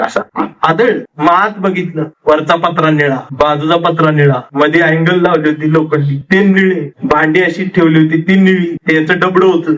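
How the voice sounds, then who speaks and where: High-voiced man telling a lively story. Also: far from the mic, dull audio. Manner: animated anecdotal storytelling, acting out dialogue. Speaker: public speaker. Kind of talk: storytelling speech to an audience.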